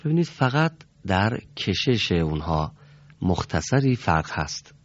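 A man's voice: deep voice, very animated, dull audio. A man teaching a Quran reading class, patient and formally polite, saying letter sounds for his students to repeat. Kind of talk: classroom instruction.

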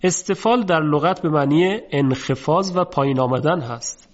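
A man giving a tajweed lesson, explaining letter sounds and demonstrating them with slow, drawn-out pronunciations. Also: fairly high pitch. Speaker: Quran recitation teacher. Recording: dull lo-fi recording.

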